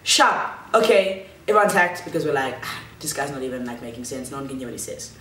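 Her loud bass voice is expressive and quick, and a little hiss or hum runs under it. This young adult vlogger is telling a chatty, slangy storytime in a large living room, captured by a fixed camera across the room that adds roomy echo.

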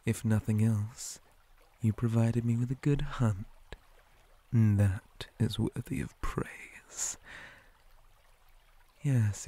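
In an ASMR roleplay, a man plays a menacing, possessive male spider monster, his lowish voice breathy and often dropping to a whisper. He speaks slowly and formally, softly taunting, with a calmly menacing mood.

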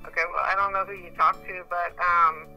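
A woman's voice: lowish voice, steady tone, a little fast, bright, forceful tone. A woman working as a store employee, giving polite, puzzled customer service over a telephone line. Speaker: store employee answering phones. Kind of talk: customer service phone talk. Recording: phone line, faint music behind.

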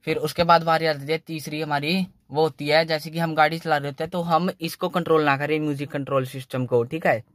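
This car channel host is a young man with a voice on the high side. The recording is dry and was made on a phone inside a parked car. He rambles through driving tips in a casual how-to style, repeating himself and dropping "theek hai" over and over.

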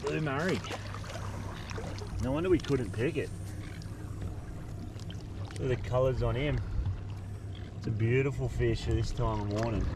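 An Australian man shouts excited commentary into an action camera on a fishing boat at sea. He talks loudly and swears casually, with a mid-range voice. Wind, water and the engine roar clearly behind him. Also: medium pitch, a little slow, long pauses. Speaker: fishing vlogger. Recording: outdoor boat noise.

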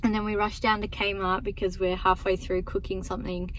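A woman, chatting casually to camera as a lifestyle vlogger, relaxed and friendly. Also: medium pitch, fairly quick, slight background noise, rough recording. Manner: chatty and relaxed, talks straight to viewers. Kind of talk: casual vlog chat to camera. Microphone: handheld camera at arm's length.

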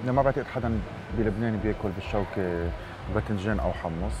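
A man's voice: on the low side, racing, background noise. A man in his thirties with a Lebanese Arabic accent, judging dishes on a cooking competition in a TV studio. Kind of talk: casual critique. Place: bright indoor TV studio set.

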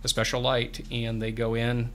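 Speaking at normal speed with a completely flat delivery, a medium-pitched, slightly bright man's voice is heard over slight background noise. He is a farm bureau representative in his fifties, a guest in a small radio studio, earnestly explaining programs and often restarting his words, using a boom-arm studio microphone and headphones.

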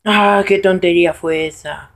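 A man giving casual live commentary over his own gameplay, excitable and prone to high shouts when things go wrong. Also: unhurried.

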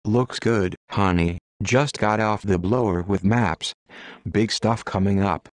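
A man reading the lines of a vain, self-absorbed male actor in a showy, smooth manner within an audiobook. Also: lowish voice, slow pace, no echo. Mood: smooth-talking.

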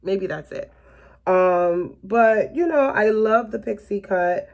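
A beauty vlogger in her late thirties with a Southern US accent from Florida does her makeup in a small bedroom, chatting to viewers in a casual get-ready-with-me video. She rambles, laughs often, and calls her viewers "you guys," speaking slowly in a creaky, medium-pitched voice toward a camera set close in front of her.

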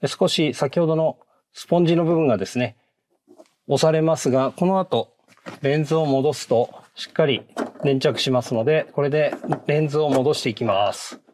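A man giving a polite, measured, step-by-step how-to narration on fitting car parts, marking each step with a short "hai". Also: a little high, a little mellow, slight background noise. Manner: polite, measured, repeats "hai" between steps. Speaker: product installation instructor.

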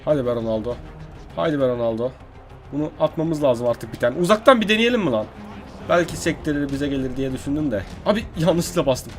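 A young gaming YouTuber gives live commentary on his gameplay, slightly high-pitched and a bit quick. He's excitable, dropping from mutters into frustrated outbursts, with faint music in the background.

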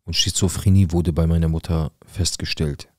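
A man's voice: sits low, steady tone, normal speed, no echo, studio quality. A young adult man telling his own painful life story in an intense, blunt, emotional way. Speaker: storyteller sharing a personal story. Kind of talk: personal storytelling.

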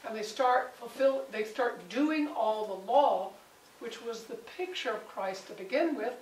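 A woman leading a conversational Bible study with a small group, animated and acting out the voices she quotes. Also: fairly high pitch, a little slow. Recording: roomy, distant mic, faint background noise.

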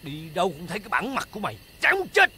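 An actor playing an arrogant, abusive eldest son in a TV drama, with a Southern Vietnamese accent and a harsh, bullying manner. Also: male voice, on the high side, lively intonation, racing, noisy background, lightly acted. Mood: furious. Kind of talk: TV drama acting. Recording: music playing behind.

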